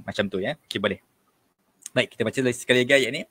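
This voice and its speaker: In a laid-back online class, a Malaysian Malay-accented man teaches Quran recitation in a mid-range voice without echo. He goes over letters and corrections again and again with patience, says "okey" a lot, and slowly chants verses to show how it's done.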